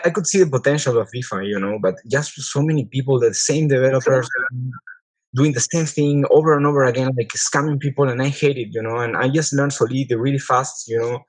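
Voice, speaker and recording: Guy from peru chatting in an ama, keeps restarting, middle pitch, dry close sound. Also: no room sound, poor audio. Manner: hesitant, many restarts and fillers, enthusiastic. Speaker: project founder, medical doctor. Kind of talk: casual community AMA chat.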